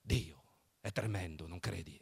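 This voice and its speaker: A man voicing a plump, jovial young man who mocks and mock-preaches in a loud, theatrical way. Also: low-pitched, unhurried, vocal fry, slightly rough, pitched below the performer's own voice, exaggerated voice. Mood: boisterous mocking.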